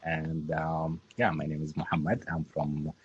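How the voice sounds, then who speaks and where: Very deep husky man from Sudan. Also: monotone, highs cut off. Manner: measured, hesitant with fillers. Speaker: human rights activist, NGO leader. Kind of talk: panel talk.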